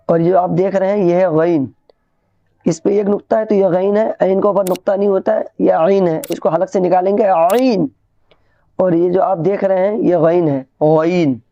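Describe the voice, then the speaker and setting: A woman's voice: fairly low pitch, steady tone, warm tone, dry recording. A woman teacher giving a beginner alphabet lesson, patiently repeating each letter and explaining how to shape the mouth. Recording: dull lo-fi recording.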